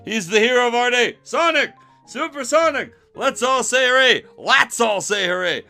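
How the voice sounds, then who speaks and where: Reading fan fiction on a casual stream, this man delivers a dramatic, mocking performance full of giggles and asides, with music in the background. His voice is extremely high-pitched and expressive, at normal speed with a sharp tone.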